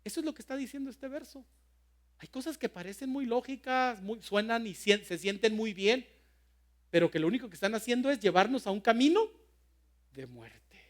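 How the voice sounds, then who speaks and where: Man, pastor's sermon, high voice, animated, questioning the congregation.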